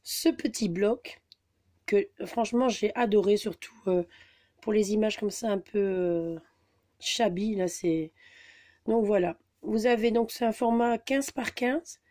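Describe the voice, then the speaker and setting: Woman vlogger, mellow and warm, chatty and halting, recorded on a camera mic at her table. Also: mid-range voice. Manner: chatty, hesitant, many fillers. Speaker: scrapbooking vlogger. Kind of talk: casual haul video.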